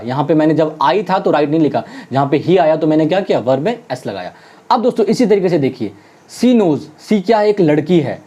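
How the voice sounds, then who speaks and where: Lesson teacher, mellow dark voice, mid pitch; friendly address to viewers, self-answered questions, slow word-by-word example drills. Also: breathy edge. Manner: repeats English example sentences slowly, word by word. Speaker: spoken English teacher. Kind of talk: online classroom lesson.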